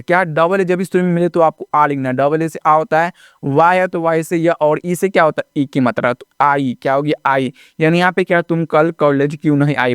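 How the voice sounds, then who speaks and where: Man teaching a lesson, smooth and dry. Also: on the high side, no room sound. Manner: repetitive, keeps checking in with the audience. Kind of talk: classroom lesson to video.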